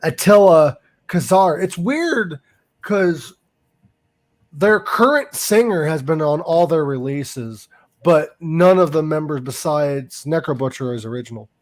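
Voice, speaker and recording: A man with a fairly high, lively voice hosts a casual podcast at an unhurried pace. He's chatty and fussy, keeps correcting details, and laughs at dark humor.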